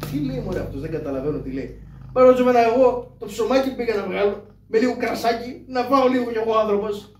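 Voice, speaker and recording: A man's voice: very high voice, a little mellow, slight background noise. A man performing shadow puppet theatre, voicing a cheeky, boastful poor trickster who jokes and hollers like a town crier. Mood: pleading. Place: live stage. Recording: echoey distant stage mic, faint ambience.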